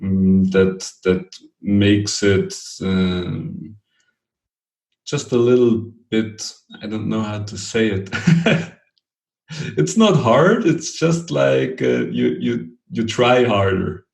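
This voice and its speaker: A Brazilian-born man raised in Portugal and Germany, talking as a podcast guest, halting and full of restarts. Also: on the low side, lively intonation, creaky, a little mellow, echoey room, poor audio. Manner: halting, many restarts and fillers, laughs lightly. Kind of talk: conversational interview answers.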